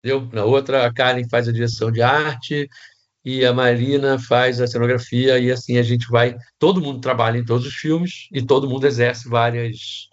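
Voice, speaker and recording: A man's voice: mid-range voice, steady tone, normal speed, dull audio. A man with a Brazilian Portuguese accent teaching set design in a casual online class, rambling with restarts and many tag questions.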